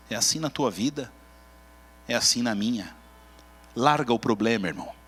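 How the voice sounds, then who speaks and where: In a large church with long reverb, a medium-pitched male pastor with a Brazilian Portuguese accent preaches a sermon. He tells the story with animation, acting out each character.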